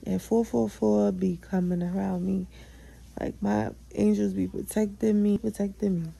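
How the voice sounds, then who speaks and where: A woman's voice: mid-range voice, little pitch movement, normal speed, vocal fry, dark tone, slightly rough, low-quality recording. A young woman hosting her own podcast, chatting casually and candidly about her day, swearing freely and hyping herself up. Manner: chatty, candid, profane, self-affirming. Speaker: podcast host. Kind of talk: casual solo vlog chat.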